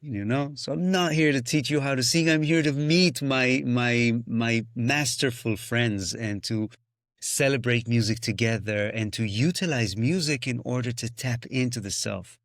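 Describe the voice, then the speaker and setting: A guest musician whose first language is Hebrew, who also facilitates singing circles, talks reflectively on a podcast. His medium-pitched voice moves at a measured pace, thoughtful and searching, often restarting phrases and slipping into sung syllables. The recording is dry and close.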